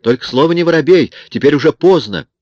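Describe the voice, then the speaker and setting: A man voicing a selfish, angry young woman with a sharp, reproachful way of talking. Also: on the high side, expressive, quick pace, no room sound, voice pushed up. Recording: dull lo-fi audiobook recording.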